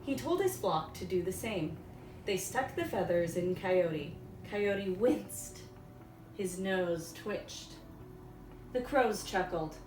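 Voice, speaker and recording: A woman teacher reading a storybook aloud for young children, in simple, deliberate phrases. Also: lowish voice, animated, darkish tone. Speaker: elementary school teacher. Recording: echoey room, distant mic, faint noise.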